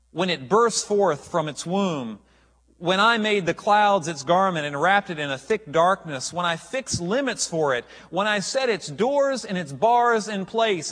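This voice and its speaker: A man reading the words of God aloud from scripture in a slow, booming, emphatic voice. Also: a bit bright, in a large hall, exaggerated voice. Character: thundering almighty God questioning a man.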